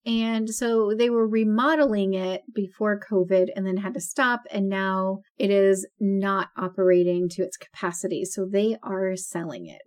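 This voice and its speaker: A woman's voice: medium pitch, a little mellow. A woman in her forties co-hosting a podcast in casual chat, talking freely with lots of fillers and frequent laughter. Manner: chatty, laughs often, many fillers. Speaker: podcast co-host.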